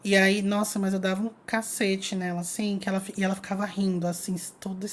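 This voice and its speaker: A young adult woman chatting to her online audience, telling a personal story in a lively, casual way. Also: medium pitch, a little fast, slight background noise. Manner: lively, chatty, addresses viewers as "gente". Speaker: spiritual content creator.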